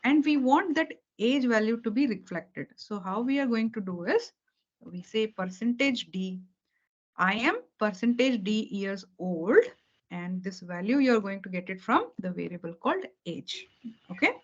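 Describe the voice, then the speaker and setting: A woman teaches beginners to program over a video call, unhurried, with a mid-range voice and lively intonation. Patient and repetitive, she restates key points and checks in with "okay" and "right" after nearly every sentence, over dull lo-fi audio.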